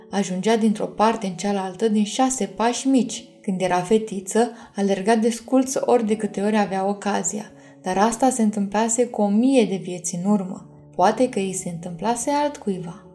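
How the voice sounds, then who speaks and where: A woman narrating a fantasy audiobook in a calm, measured reading. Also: medium pitch, faint music behind. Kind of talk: scripted storybook narration.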